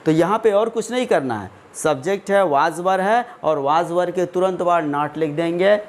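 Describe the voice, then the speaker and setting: Male tutor for a recorded grammar lesson, slow and methodical, answers his own questions, faint room noise. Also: sits high. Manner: stretches out English example words. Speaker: English grammar teacher. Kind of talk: classroom-style grammar lesson.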